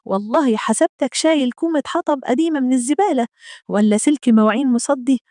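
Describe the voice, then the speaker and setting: A woman voicing a loud, mocking middle-aged female neighbor with an Egyptian accent. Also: animated, quick pace, dry recording, clean studio sound. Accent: Egyptian Arabic. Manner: shrill, mocking, exclaiming.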